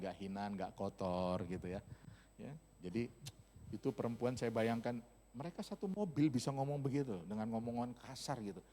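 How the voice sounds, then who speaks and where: A man's voice: mid-range voice, warm tone, a little hiss or hum. A male pastor preaching a sermon, telling stories in a humorous, casual, slangy way. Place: church hall. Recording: long church-hall reverb.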